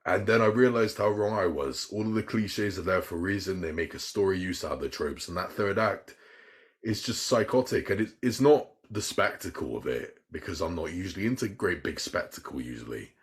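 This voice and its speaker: Very deep-voiced, enthusiastic man. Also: lively intonation, brisk. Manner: enthusiastic, rambling, swears a lot. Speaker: podcast host. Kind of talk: casual chat.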